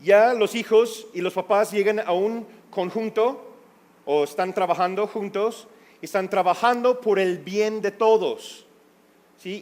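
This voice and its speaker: A man's voice: high voice, big-room sound. A man preaching a Bible study. He talks conversationally and keeps checking in with his listeners. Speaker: pastor teaching a Bible study. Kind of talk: sermon.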